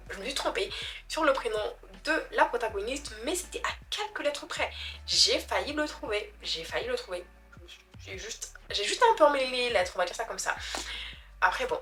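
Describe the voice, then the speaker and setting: A woman's voice: medium pitch, sharp tone. A young woman chatting casually about books she has read, self-mocking and stumbling over foreign names. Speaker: book vlogger.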